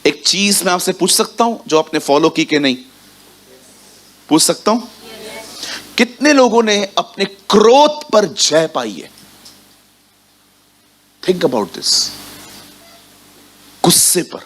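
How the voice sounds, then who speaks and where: A male preacher gives a sermon to a church congregation, his voice sitting a little higher than most men's. He is lively and engaged, and he keeps turning to the listeners with direct questions as he speaks. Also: slow pace, long pauses, slight background noise.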